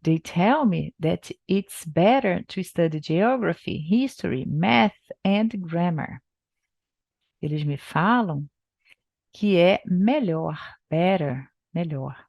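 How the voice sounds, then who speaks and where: A Brazilian woman, a native Portuguese speaker, reads an English book line by line and explains it in Portuguese as a teacher. She speaks slowly, with a gravelly, fairly low voice. The sound is dry and close. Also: a little mellow, dry recording. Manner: slow, careful reading with pronunciation drills.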